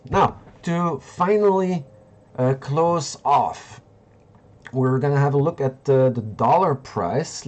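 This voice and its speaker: Man from Belgium, hosting a live market stream; slow, mellow delivery, halting and full of fillers. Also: mid-range voice. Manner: rambling, halting, many fillers and restarts. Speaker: livestream host. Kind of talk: live market analysis and chat.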